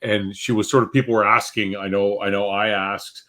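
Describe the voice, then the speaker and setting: A man hosting a podcast in casual chat, with a halting, conversational delivery. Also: on the low side, little pitch movement, pushed and bright. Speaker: podcast host.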